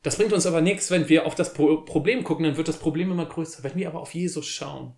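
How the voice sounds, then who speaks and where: A man with a slightly higher voice than most gives a short devotional in a relaxed, chatty way. He reads scripture aloud, then retells it loosely in everyday slang. His speech is full of restarts and casual asides. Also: quick pace, gravelly. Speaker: youth devotional host.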